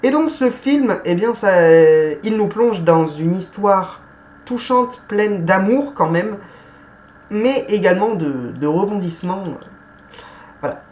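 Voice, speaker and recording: A woman giving a casual film review, chatty and hesitant, often pausing with fillers and correcting herself. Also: medium pitch, animated, a little mellow.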